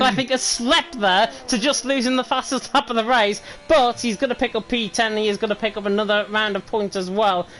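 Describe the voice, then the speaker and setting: A woman's voice: fairly high pitch, fairly bright tone, low-quality recording. A woman commentating live on an online racing league, chatty and upbeat as she runs through the results. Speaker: race commentator. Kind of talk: live esports race commentary.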